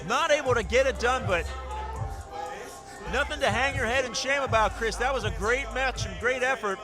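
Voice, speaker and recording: A man calling live play-by-play as a wrestling commentator, with excitable, exclamatory delivery. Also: very high voice, moderate pace. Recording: loud event crowd and music behind. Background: crowd and music.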